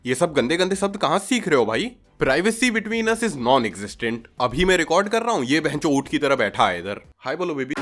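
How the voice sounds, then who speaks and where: A man's voice: fairly high pitch, fairly bright tone. Sarcastic young man cracking crude jokes. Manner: acts out friends' voices. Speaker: stand-up comedian. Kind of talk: comic monologue vlog.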